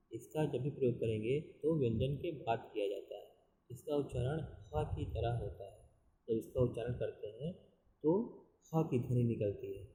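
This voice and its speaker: Male teacher, grammar lesson, very dark mellow voice, slow repetitive explaining, echoey classroom sound. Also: medium pitch. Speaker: school Hindi teacher.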